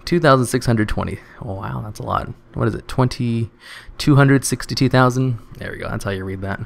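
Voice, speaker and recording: A man's voice: fairly low pitch, creaky. A man hosting his channel, casually reading online comments aloud in a dry voice and holding back laughs.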